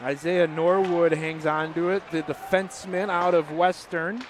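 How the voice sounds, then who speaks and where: A man calling live high school hockey play-by-play from the rink, speeding up and shouting on the big plays. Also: steady tone, noisy background. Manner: rapid play calls, rising to shouts on shots. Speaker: play-by-play announcer. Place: ice rink press area.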